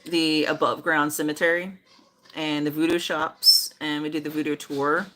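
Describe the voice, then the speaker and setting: A middle-aged woman chatting casually about ghost hunting trips, relaxed and full of fillers. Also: sits low, normal speed, rough recording. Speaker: mother and moderator of the stream. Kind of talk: casual chat.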